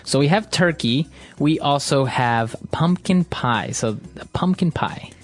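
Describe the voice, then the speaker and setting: A man co-hosting an English-learning podcast, talking in a relaxed, agreeable way with frequent fillers. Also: a little high, takes it slowly, faint music behind. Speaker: podcast co-host.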